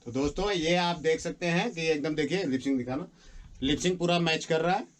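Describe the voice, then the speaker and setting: Man, studio dubbing tutorial, coaching, impatient corrections, somewhat high voice. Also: brisk. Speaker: dubbing studio operator and director. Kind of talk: instructional explanation.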